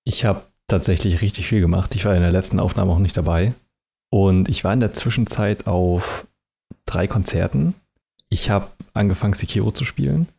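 A man's voice: low-pitched, normal speed, creaky, mellow, husky. A laid-back man co-hosting a casual podcast. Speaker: podcast co-host. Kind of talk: casual chat.

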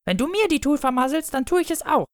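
Shrieky mocking madness spirit lady, a guy putting her on, way up high, dry sound. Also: sing-song, fast, no room sound. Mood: shrill spiteful. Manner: screeching, hissing, mocking. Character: shrill scheming female madness spirit, Death's sister.

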